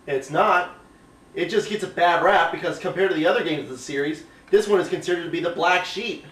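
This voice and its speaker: A man's voice: on the high side, brisk, a bit bright. A man hosting a scripted comedic video game review, talking to his audience. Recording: echoey room, distant microphone.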